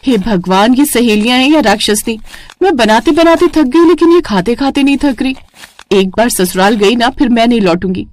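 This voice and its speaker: A woman's voice: fairly high pitch, brisk, few pauses, lightly acted. A woman voicing a cheeky, overworked young daughter-in-law who makes sarcastic comebacks. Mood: exasperated.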